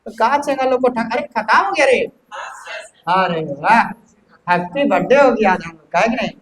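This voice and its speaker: A man's voice: very high voice, expressive, moderate pace, fairly bright tone, rough recording. A male physics teacher, working through exam questions and encouraging his students, often calling them "babu".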